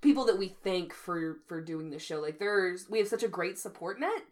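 A woman's voice: fairly low pitch, lively intonation, moderate pace, a little mellow. Laughing rambling woman podcast host. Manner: rambling storyteller, laughs often. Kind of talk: casual chat.

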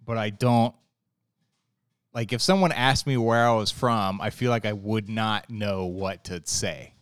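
A man in his forties co-hosting a casual podcast chat, his voice smooth and resonant. He muses aloud and hesitates over his words, breaking into easy laughter. The sound is close and dry, with no room around it. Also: fairly low pitch, a little slow, no echo. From Ohio. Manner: musing, hesitant, laughs easily. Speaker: podcast co-host.

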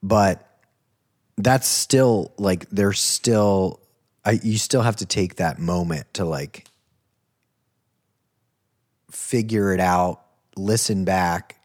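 A man with a somewhat low voice talks through his songwriting process in a loose, rambling way. He fills his sentences with "you know" and "like" as he chats casually with a co-host on a podcast. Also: slow, pauses often. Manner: relaxed, rambling, many fillers and "you know". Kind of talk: casual conversation about songwriting.

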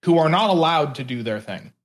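A man with a moderately high voice talks through his opinions in a conversational interview. He is earnest and careful to qualify himself, regularly seeking agreement at the ends of his phrases. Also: expressive, fairly quick. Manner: earnest, hedging, often checks with "right?". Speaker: interview participant.

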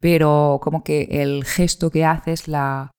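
A woman from in her thirties talks straight to her listener in a solo podcast monologue. Her voice is mellow and warm, and she sounds like a coach sharing tools. Her delivery is reflective and unhurried. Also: low voice, little pitch movement, clear, resonant tone. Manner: reflective, conversational, gently coaching. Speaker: podcast host.

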